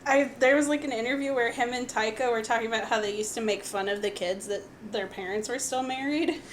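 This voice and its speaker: A woman's voice: fairly high pitch, fairly quick, slight background noise. Blunt, profane woman podcast co-host. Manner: blunt and profane, sarcastic asides. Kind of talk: casual chat.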